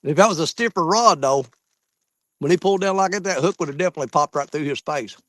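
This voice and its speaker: Man, slightly high voice, Southern US drawl, folksy and casual fishing chat, dry outdoor sound. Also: fast talker, a bit bright, no echo. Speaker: fishing vlogger. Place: outdoors on a small fishing boat.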